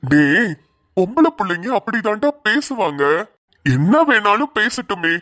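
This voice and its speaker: A woman voicing an easygoing old grandfather in a cartoon, talking in a gruff, rustic, soothing way. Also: mid-range voice, big pitch swings, measured pace, fairly bright tone. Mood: consoling. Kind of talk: cartoon voice acting.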